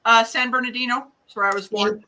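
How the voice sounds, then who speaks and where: A woman's voice: on the high side, steady tone, quick pace, pushed and bright. An older American woman with a Midwestern accent chats casually in a folksy, rambling way as she leads a live craft class. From United States. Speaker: hat loom craft class teacher. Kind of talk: casual live tutorial chat.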